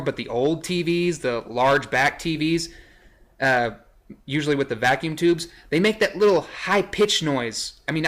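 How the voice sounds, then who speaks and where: Casting note: young male vlogger, bright, slightly high voice, sarcastic and rambling. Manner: sarcastic, rambling, self-correcting. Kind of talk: casual commentary reading a list.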